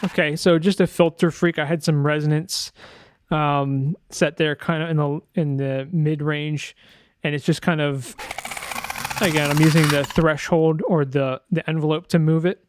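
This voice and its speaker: Somewhat high-pitched and steady, a man narrates an informal screen-share tutorial on sound design at a moderate pace, thinking aloud hesitantly as he demonstrates. There's noticeable noise in the background.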